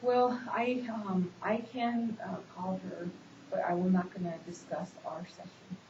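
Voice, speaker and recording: A woman's voice: mid-range voice, steady tone, measured pace. A congested woman playing a counselor in a practice session, talking with many ums and restarts. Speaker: social work student playing the counselor in a role-play. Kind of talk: counseling session role-play. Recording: echoey room, dull hissy recording.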